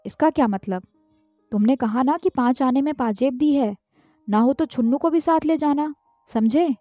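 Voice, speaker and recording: A stern middle-aged father issues curt, commanding orders to his son in a storybook reading, read aloud by a woman. The voice sits high yet mellow. It comes through a dull, lo-fi recording with no room sound. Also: moderate pace, no echo, soft background music, natural voice. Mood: coaxing. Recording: dull, dry, lo-fi.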